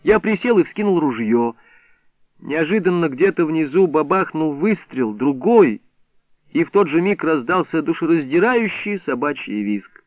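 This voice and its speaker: A man's voice: fairly high pitch, a little slow, dry recording. A man reading a first-person literary story aloud, recorded dry with a narrow, phone-like sound. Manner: expressive, storytelling. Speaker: audiobook reader.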